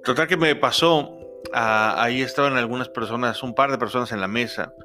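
A young Mexican man with a Mexican accent, telling a personal travel story in a relaxed, chatty way with many fillers. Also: mid-range voice, brisk, over music. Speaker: podcast storyteller. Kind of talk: first-person travel anecdote.

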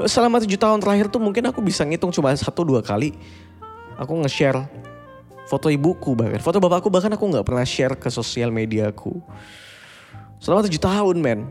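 A man's voice: fairly high pitch, animated, fairly quick, darkish tone. A man in his twenties hosting a casual bedtime podcast, talking in a reflective, confiding way and slipping in English phrases. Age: 20s. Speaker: podcast host. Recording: long reverb with faint background music.

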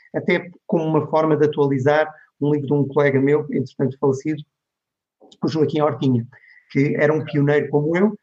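On a dull, lo-fi recording, a middle-aged man from Portugal speaks with a European Portuguese accent in a voice on the high side and a little mellow. As an interview guest and digital marketing lecturer, he tells stories conversationally and gives voice to the people he quotes.

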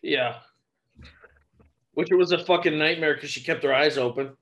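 A man's voice: a little high, moderate pace, fairly bright tone, dull audio. A young man co-hosting a podcast in casual banter, joking, swearing and laughing often. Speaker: podcast co-host.

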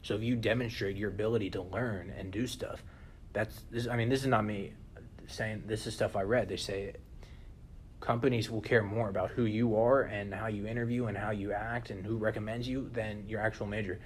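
A young man co-hosting a podcast in casual chat, animated and often turning to listeners with "listen". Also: fairly low pitch, a little fast, slight background noise. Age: young adult. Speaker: podcast co-host.

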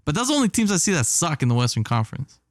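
A man talking basketball in a relaxed chat, laughing often and trailing off mid-thought. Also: fairly high pitch, very fast, no echo, clean studio sound. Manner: laid-back, laughs often, trails off and restarts.

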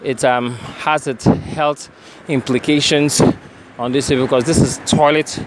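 Standing outdoors by a bridge, a man gives a tentative, unscripted field report and interview, his Nigerian accent giving way to Nigerian Pidgin at points. His mid-range voice is unhurried, with mostly even intonation, over faint traffic and street noise.

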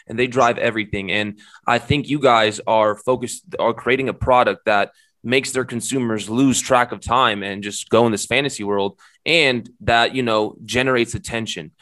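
A man's voice: medium pitch, fairly bright tone. A man hosting an interview, enthusiastic and recapping his guest's points at length. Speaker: interviewer, host. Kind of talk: casual interview.

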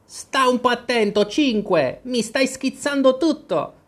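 The narrator voicing Two, an anxious playing-card gardener who speaks in a hushed, pleading way. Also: sits high, expressive, a little slow, pitched above the performer's own voice. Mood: quarrelsome.

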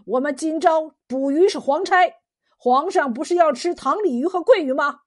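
A defiant fisherman leader, voiced by a woman telling a folk tale, calls out loud and proud. His voice rings high and bright with scorn. He sounds like a storybook hero who bows to no one. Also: normal speed, close to an everyday voice. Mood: mocking.

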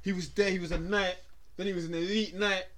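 A man's voice: high-pitched, fairly even intonation, fast, fairly bright tone. A young man with a London roadman accent bantering casually as a podcast co-host, slangy and often repeating himself. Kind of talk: casual banter among friends.

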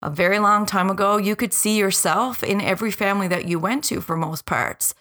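A woman in her forties speaking earnestly and deliberately in a personal, reflective podcast monologue. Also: mid-range voice, fairly bright tone. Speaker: podcast host.

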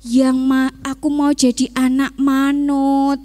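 A woman's voice: high voice, completely flat delivery, slow pace, mellow, soft background music, voice pushed up. A woman voicing a young son who repents to his father and pleads for forgiveness. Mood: pleading.

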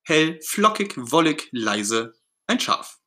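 A man reading a children's story aloud as narrator, in an expressive, gentle storytelling manner. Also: on the high side, slow.

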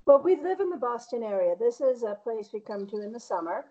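A middle-aged painter from Connecticut, United States, speaks reflectively as a guest in a casual interview, with a New England American accent. Her slightly high voice is very animated and fairly quick, with a dark tone and cut-off highs.

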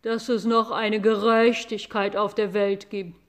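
A woman voicing an old, wise, furious female cow who bellows her threats loudly in a storybook reading. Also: medium pitch, little pitch movement, measured pace, lightly acted.

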